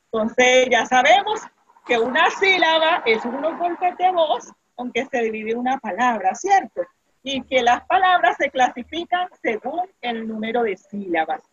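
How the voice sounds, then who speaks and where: Colombian woman teacher on a video call, husky and high, dry dull audio. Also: very animated, measured pace, a bit bright. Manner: chatty, uses diminutives, restarts often. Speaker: primary school teacher. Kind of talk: online class talk.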